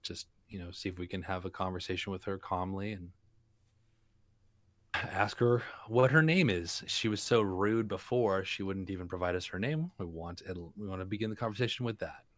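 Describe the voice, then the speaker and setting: A man's voice: low voice, normal speed, fairly bright tone, no echo. A man chatting casually as a player in a tabletop game, explaining what his character does.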